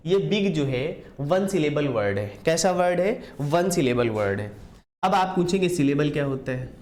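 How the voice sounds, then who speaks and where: A man's voice: fairly high pitch, darkish tone. Echoey male grammar teacher. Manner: repeats key answers as call-and-response questions. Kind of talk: classroom grammar lecture.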